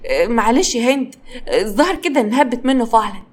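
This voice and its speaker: A woman's voice: a little high, animated, very fast. A woman voicing an overconfident, boastful young man with a teasing manner and an Egyptian accent. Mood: cocky. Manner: cocky, teasing.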